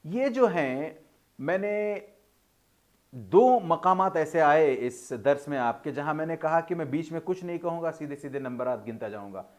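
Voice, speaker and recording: A man teaching English pronunciation in a video lesson, explaining in a formal tone with Urdu-flavoured words and slowly drawing out each example word. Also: on the high side, lively intonation. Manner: slow, drawn-out model pronunciations between explanations.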